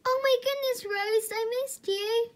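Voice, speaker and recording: Woman voicing an eager chatty girl rider, high bright voice, toy horse movie. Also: moderate pace. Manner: excitable, chatty.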